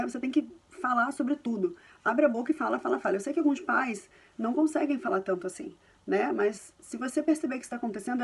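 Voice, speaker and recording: A woman's voice: a little high, darkish tone, husky. A woman in her thirties from Brazil with a Carioca accent, talking casually to camera from home, reassuring and chatty, with many tag questions. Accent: Carioca Brazilian Portuguese. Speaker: parenting and language vlogger. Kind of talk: casual advice talk to camera.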